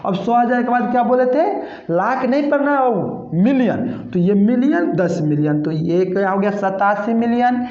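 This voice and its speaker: A male math teacher giving a step-by-step classroom lesson, counting digits aloud slowly and repeating himself, calling his students "sir" and "babu". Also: high voice, lively intonation. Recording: echoey room, dull lo-fi sound.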